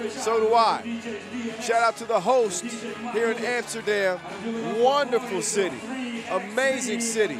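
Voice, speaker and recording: A man hosting live sports coverage, with informal hype and drawn-out phrases. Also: sits high. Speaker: event commentator and host. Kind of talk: live sports commentary and sign-off. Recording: music and crowd behind live mic. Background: music and crowd.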